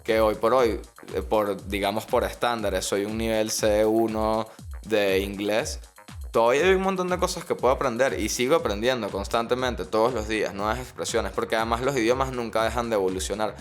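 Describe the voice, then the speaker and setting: A man from Venezuela, a podcast guest, explaining his views in a reflective, drawn-out way. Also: on the low side, soft background music. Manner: reflective, explains at length with restarts. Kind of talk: casual chat.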